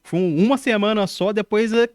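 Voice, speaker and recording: A man's voice: sits high, brisk, clean studio sound. A young man hosting a casual interview, echoing his guest's words and framing things in religious terms. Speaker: podcast host.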